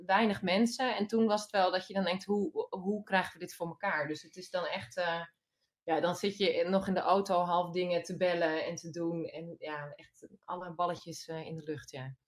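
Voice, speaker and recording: A woman's voice: fairly low pitch, fairly even intonation, moderate pace. A woman guest in a casual interview, rambling with restarts and frequent agreement. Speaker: touring performer, guest.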